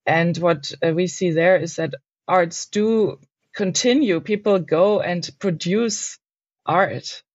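A woman speaking on a panel discussion, hesitant, with many pauses and ums. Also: fairly low pitch, a little mellow, no room sound, lo-fi sound.

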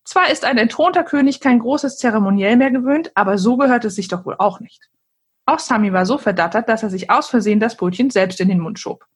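A woman reading a children's book aloud with lively asides to listeners, then chatting casually about it. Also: fairly high pitch, fairly quick, husky.

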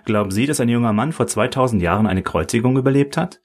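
A man voicing an unhurried, sardonic old male professor who talks dryly and mockingly, in an audiobook. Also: medium pitch, a little mellow, pitched above the performer's own voice, lightly acted. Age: older. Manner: dry, mocking.

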